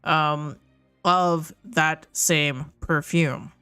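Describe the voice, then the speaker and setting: A woman's voice: low voice, fairly even intonation, very slow, bright, forceful tone, smooth, faint music behind. A woman acting as game master, casually narrating a tabletop roleplaying game.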